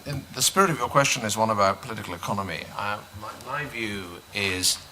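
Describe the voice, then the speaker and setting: A male panelist answering a question at a conference, measured, pausing often with "um". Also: lowish voice, bright, forceful tone, slight background noise, poor audio. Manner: measured, many "um" pauses, dry aside. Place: conference hall.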